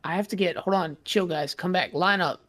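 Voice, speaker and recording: A man hosting a casual gaming chat, excitable, with loud exclamations. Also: high-pitched, brisk. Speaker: host.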